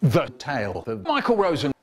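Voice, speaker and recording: A man reading comic stories aloud in a very expressive way, making sound-effect noises and doing voices. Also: medium pitch, moderate pace. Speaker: storyteller. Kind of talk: animated comic story reading.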